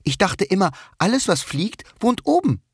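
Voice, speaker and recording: A man's voice: high voice, big pitch swings, moderate pace, breathy edge, no room sound, clean studio sound, pitched above the performer's own voice, exaggerated voice. A man voicing a grumpy small male insect in a children's story, grumbling and suspicious. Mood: grudging.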